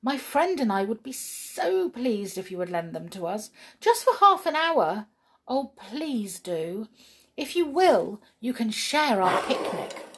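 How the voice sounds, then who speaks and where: A tiny fairy-tale brownie man, eager and pleading, with a lifted, excitable voice, as a woman reading aloud puts him on. He sounds breathy and swoops up and down as he talks. It's storybook reading, slow and lively. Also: on the high side, exaggerated voice. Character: small eager male brownie, pleading and puzzled.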